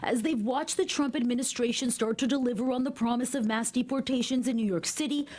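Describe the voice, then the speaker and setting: A woman TV news reporter reading a scripted news narration in a measured, even delivery. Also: fairly high pitch.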